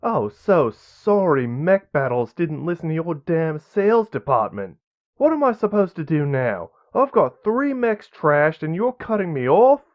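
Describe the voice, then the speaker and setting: A man's voice: a little high, sing-song, measured pace, highs cut off, pitched above the performer's own voice. A man voicing a raging mercenary liaison. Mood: furious. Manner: shouting, spitting insults. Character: furious loud male mercenary liaison.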